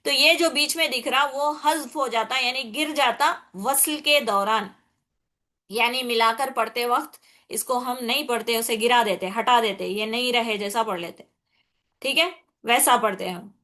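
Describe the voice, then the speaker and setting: A woman teaching a Quran recitation class, with a Hyderabadi Urdu accent. Her voice is bright and sits a little high. She explains patiently, repeats key points, checks in with the class often, and slows down for the recited examples. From India. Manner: breaks into slow recited Arabic examples. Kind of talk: explaining tajweed rules in a class.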